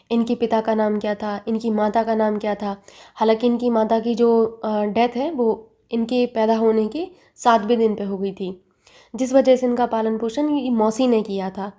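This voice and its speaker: A woman teaching an exam-prep lesson who keeps asking quick quiz questions and then repeating the answers. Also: fairly high pitch, warm tone.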